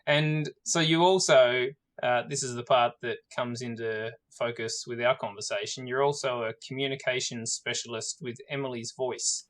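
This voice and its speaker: A man chatting casually as a podcast host and interviewer, at a middle pitch. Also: steady tone, normal speed, few pauses, fairly bright tone. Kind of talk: casual bantering chat.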